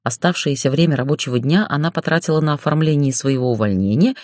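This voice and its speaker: An audiobook narrator reading a novel with expressive storytelling. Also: medium pitch, fast, no echo, clean studio sound.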